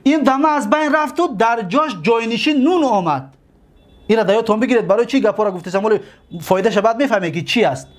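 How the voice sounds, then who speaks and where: High-voiced man teaching grammar. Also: lively intonation. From Tajikistan. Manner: explains step by step, repeats terms, asks students questions. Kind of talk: classroom grammar lesson.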